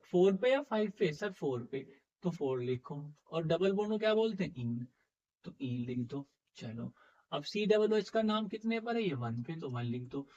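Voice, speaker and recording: A man's voice: sits high, a little mellow. Muffled male teacher coaxing his class. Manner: coaxing, asks the class questions and repeats answers. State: voice slightly heavy from being unwell. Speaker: chemistry teacher. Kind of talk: classroom lecture to students. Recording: dull, muffled lo-fi sound.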